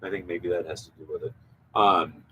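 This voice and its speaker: A man, a photographer, co-hosting a casual chat and telling stories with lively laughter. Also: deep voice, brisk, a little hiss or hum, poor audio. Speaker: co-host, photographer.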